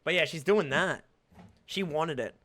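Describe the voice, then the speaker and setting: A man's voice: on the high side, measured pace, bright, forceful tone. A young man streaming a visual novel, reading it aloud and bantering with chat in a crude, swearing, mock-boastful way.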